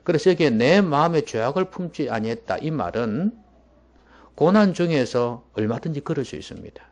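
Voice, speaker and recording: A man preaching a sermon as pastor in a church, emphatic and at times dropping to a hushed voice. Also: a little high, animated, normal speed.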